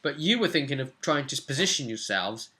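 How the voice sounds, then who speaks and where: A man in his twenties, brisk and forceful, retells a tabletop role-play session he game-mastered with plenty of dramatic flair. His medium-pitched voice is bright and sing-song, and the casual recap takes place indoors in a small furnished room at home.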